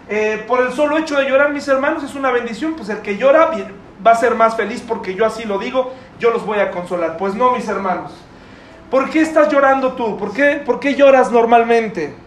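A middle-aged man preaching a sermon in a conversational way, asking his congregation frequent rhetorical questions. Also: very high-pitched. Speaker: pastor. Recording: echoey room with faint noise.

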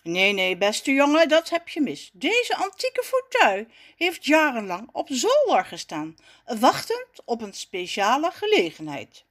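A woman's voice: high-pitched, huge pitch swings, measured pace, a bit bright, exaggerated voice. A woman voicing a self-important, easily offended male cousin in a children's story, speaking in a haughty, huffy way. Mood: pompous.

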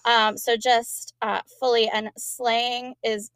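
A woman's voice: on the high side, little pitch movement, slow, a bit bright, clean tone, no room sound, studio quality. A woman co-hosting a podcast, casually recapping TV episodes in a rambling way and quoting characters. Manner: rambling, quotes characters with laughs. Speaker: podcast co-host.

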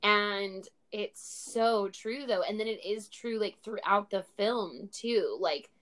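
A woman chatting casually about a film, enthusiastic and quick to agree. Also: mid-range voice. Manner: enthusiastic, animated, laughs often.

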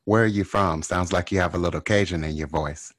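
A man from Louisiana hosting a podcast, asking his guest questions in a calm, level way. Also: sits low, brisk, dry recording, studio quality. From Louisiana, USA. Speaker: podcast host. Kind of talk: interview questions.

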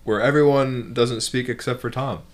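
A man's voice: mid-range voice, steady tone, moderate pace, slight background noise. A young man co-hosting a casual podcast, easygoing and slangy. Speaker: podcast co-host. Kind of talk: casual chat.

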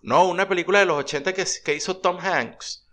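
Slangy, bright-voiced Venezuelan man. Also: high-pitched, a little fast. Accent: Venezuelan Spanish. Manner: slangy, profane, animated storytelling. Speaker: podcast co-host. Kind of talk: casual chat.

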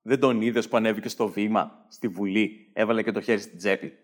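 A man's voice: on the low side, fairly even intonation. A man with a Greek accent delivering a sarcastic satirical stand-up monologue. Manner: sarcastic, mocking, slips into mimicked voices. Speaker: satirical comedian.

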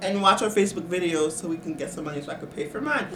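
A woman co-hosts a casual podcast and keeps laughing and poking fun at herself. Her pitch swings up and down a lot. The room is echoey, with a clear hiss behind her. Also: expressive, fast talker, fairly bright tone. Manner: laughing, self-mocking, giggly. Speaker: podcast co-host. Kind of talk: casual chat. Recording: echoey room with some noise.

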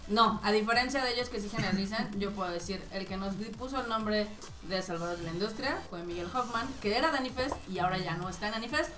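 A woman's voice: mid-range voice, fast talker, fairly bright tone, far from the mic. A woman of thirty-three co-hosting a casual podcast, talking in a wry, dismissive way. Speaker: podcast co-host. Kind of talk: casual group chat. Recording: roomy, off-mic.

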